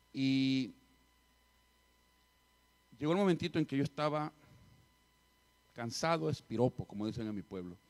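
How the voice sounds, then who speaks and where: Storytelling male pastor, loud to hushed. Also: on the high side. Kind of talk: sermon with a personal story.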